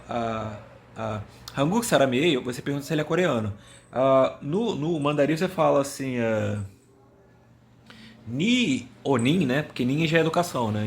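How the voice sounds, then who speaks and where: Slight background noise accompanies this man's mid-range voice as he hosts a funny, informal language video. He rambles and mocks himself, often faltering while hunting for words he can't remember.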